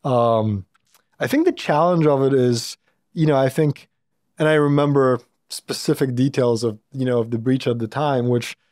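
A Polish-born man in his thirties speaks as an interview guest in a podcast studio, on a boom-arm mic. He is thoughtful and circles back often with fillers and restarts. His pitch sits in the middle and the sound is dry and close. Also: normal speed, darkish tone, no room sound. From Poland. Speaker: startup founder and CEO, guest. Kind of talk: casual interview talk.

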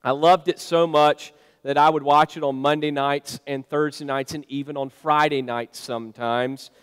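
A man's voice: on the high side, steady tone, moderate pace, clean tone. A man preaching a sermon in a conversational, storytelling way, with frequent fillers. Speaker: pastor. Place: church sanctuary. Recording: long church reverb.

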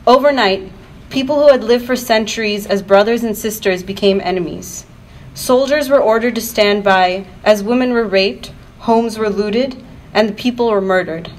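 At a university event, a woman on an activist panel reads a prepared political speech to an audience in earnest, declarative, emphatic phrasing. Her mid-range voice moves at normal speed, and the live room recording is noisy.

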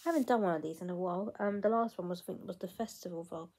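A woman in her twenties vlogs casually to her phone, held at arm's length, in a small room at home. Her voice is on the low side, a little mellow and husky, and she talks rapid-fire, chatty and rambling with lots of fillers and restarts.

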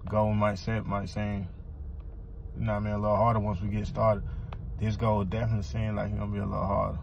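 A man, talking in a casual, low-key motivational vlog style with a gravelly voice into a phone. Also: level tone, fast talker. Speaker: fitness challenge vlogger. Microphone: phone at arm's length. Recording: dull phone audio with background noise.

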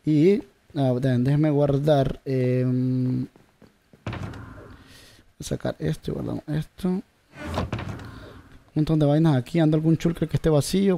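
A man's voice: on the high side, creaky, dark tone, a little hiss or hum. A man giving casual gameplay commentary, talking straight to his viewers and searching aloud for words. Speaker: gameplay video creator.

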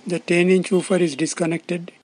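A man presents a loudspeaker testing demonstration, giving scripted, step-by-step narration at a moderate pace. His voice sits high, level and a little mellow, with faint music in the background.

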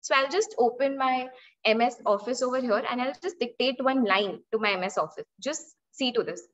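A young Indian woman with an Indian English accent teaches an online data analytics class, her fairly high, slightly bright voice brisk as she explains with examples, quizzes students, and often repeats or restarts phrases. She's a webinar instructor in an indoor room, heard through a laptop mic on a video call with dull lo-fi audio.

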